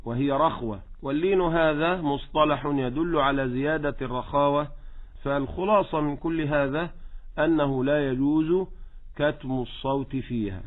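A man teaching Quran recitation rules, patiently correcting and slowly modeling each word. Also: fairly high pitch. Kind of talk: tajweed lesson with recited examples. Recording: tinny phone-like line.

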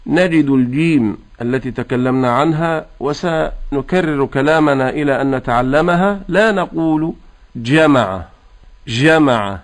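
A man with a fairly high voice teaches Quran recitation rules. He explains each point patiently and step by step. He shifts into slow, drawn-out melodic chanting of the verses. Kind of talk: tajweed lesson with recitation.

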